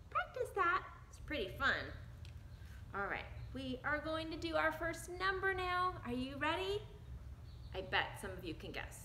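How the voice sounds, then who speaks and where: A woman's voice: on the high side, sharp tone. A woman in her thirties teaching preschoolers on video, with a broad, singsong children's-presenter delivery full of simple questions. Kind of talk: children's lesson addressed to young kids. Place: small bare-walled room indoors. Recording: echoey room, faint background noise.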